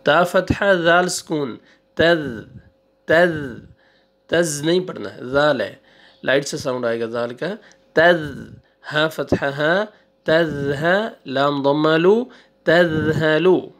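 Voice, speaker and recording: Man spelling out syllables, slow. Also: on the high side, fairly bright tone. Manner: slow drawn-out recitation, then quick asides. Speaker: Quran teacher. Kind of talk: spelling out syllables in a reading lesson.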